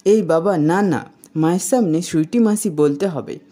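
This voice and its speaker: A curious young daughter muttering her suspicions to herself, as a woman reads her lines in a retold TV serial. The voice sits low and mellow. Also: moderate pace, close to an everyday voice.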